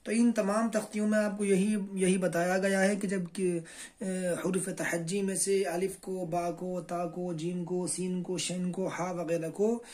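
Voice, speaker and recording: A man teaching a beginner Urdu lesson with an Urdu accent, reading letter combinations slowly and repeating each syllable patiently. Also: sits high, little pitch movement, a little mellow.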